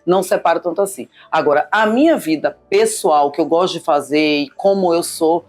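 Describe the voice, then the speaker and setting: A woman's voice: on the low side, moderate pace, soft background music. A middle-aged woman from Salvador, Bahia, a business owner speaking as a guest in a conversational interview, with an expansive, emphatic manner. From Salvador, Bahia, Brazil. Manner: expansive, warm-hearted, emphatic.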